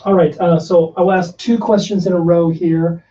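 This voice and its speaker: A man reads out viewers' questions plainly, in a fairly high, mellow voice. He sits back from the mic, so he sounds distant and a little muffled. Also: fairly even intonation, moderate pace. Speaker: Q&A moderator.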